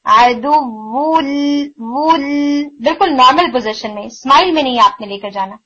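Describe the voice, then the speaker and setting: In an online tajweed lesson, a high-voiced woman patiently explains recitation pronunciation, slowly stretching out example sounds, repeating them, and slipping in English words. Her delivery is animated, pushed, and bright with a breathy edge. The audio is slightly muffled and lo-fi.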